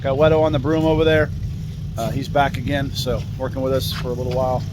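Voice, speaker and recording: A man's voice: mid-range voice, little pitch movement, quick pace. A man hosting a casual repair vlog, talking in folksy slang to his viewers as a mechanic. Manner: folksy, slangy, addresses viewers as "you guys". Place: outdoor off-road repair shop in dunes. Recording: loud vehicle and outdoor noise.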